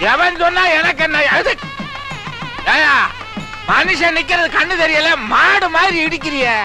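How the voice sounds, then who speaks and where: An actor playing a grumpy, quarrelsome middle-aged wedding guest in a film comedy, talking in a sarcastic, scolding way. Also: male voice, very high-pitched, unhurried, music in the background.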